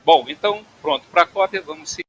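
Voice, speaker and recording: A man's voice: high voice, fast, no room sound, rough recording. A man teaching an online aviation phraseology class, explaining patiently and checking in with his students. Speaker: flight phraseology instructor.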